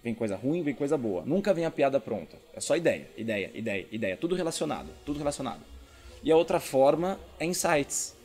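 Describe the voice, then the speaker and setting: A stand-up comedian with a Brazilian accent explains things casually in an interview, repeating words for emphasis. His mid-range voice is sing-song and a little mellow, and he talks briskly.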